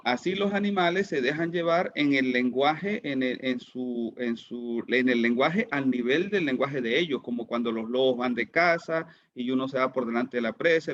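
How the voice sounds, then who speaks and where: A man's voice: medium pitch, a bit bright, dry recording, dull audio. A man teaching an online class, who keeps asking his students questions and repeats words as he goes. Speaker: lecturer.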